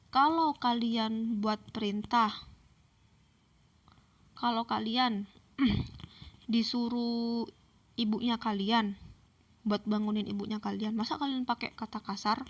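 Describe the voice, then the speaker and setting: A woman's voice: fairly high pitch, far from the mic, dull audio. Young woman teaching, chatty. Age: young adult. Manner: chatty, repeats herself and checks in with students. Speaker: English teacher. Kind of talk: classroom lesson explaining grammar.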